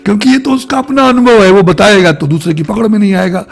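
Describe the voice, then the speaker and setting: A man's voice: sits high, fast talker, vocal fry. A man giving a reflective spiritual talk to his viewers, repeating phrases in long lists. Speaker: spiritual speaker.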